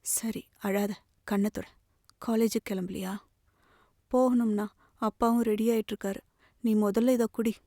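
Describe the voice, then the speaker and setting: A woman's voice: fairly high pitch, steady tone, a little slow, pauses often, mellow, dry recording, studio quality. A woman reading the part of a young man, a tender, protective elder brother pleading earnestly. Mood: caring. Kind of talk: audiobook novel reading.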